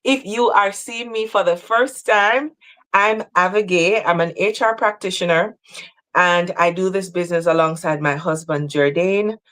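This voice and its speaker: A woman from Jamaica hosting a livestream talk, speaking in an earnest, measured way. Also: on the low side, a bit bright. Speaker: host.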